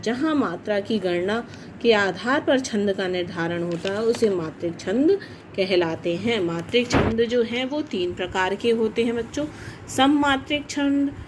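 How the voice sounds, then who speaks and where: A woman teaching a grammar lesson to children, explaining slowly and repeating each definition. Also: mid-range voice, a little hiss or hum.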